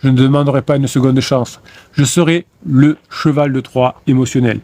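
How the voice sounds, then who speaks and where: A man's voice: medium pitch, fairly even intonation, normal speed, warm tone, no echo. A man, a motivational coach, reciting first-person affirmations in a declamatory, repetitive way.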